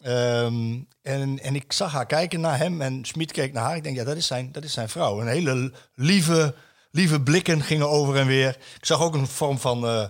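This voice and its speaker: A man hosting a football talk show. He reads a written piece aloud to his co-hosts, stopping often on fillers and restarts. His pitch sits in the middle range for a man. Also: moderate pace. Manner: hesitant, many fillers, chuckles while reading. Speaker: football radio show host. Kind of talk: casual chat, reading a column aloud.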